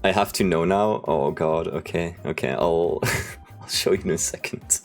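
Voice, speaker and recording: Young male streamer, lowish pitch, casual and sweary storyteller, music playing behind him. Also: moderate pace. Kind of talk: casual livestream chat. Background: background music.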